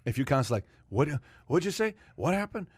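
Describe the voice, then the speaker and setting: A man's voice: fairly high pitch, big pitch swings, quick pace, slightly rough, no echo, studio quality. A man hosting a podcast panel, telling stories with animation and repeating his points for emphasis. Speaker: podcast host. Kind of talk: casual panel chat.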